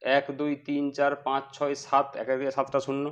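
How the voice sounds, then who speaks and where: A man's voice: medium pitch, monotone, fairly quick, lo-fi sound. A man teaching basic math who keeps asking the class questions and answering them himself. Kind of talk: explaining math to students.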